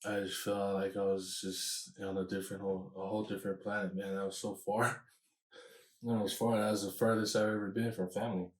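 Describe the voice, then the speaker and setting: A man's voice: on the low side, brisk. A man hosting a podcast, telling stories casually and laughing easily. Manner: laughing, animated storyteller. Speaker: podcast host. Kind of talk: casual chat. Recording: echoey room.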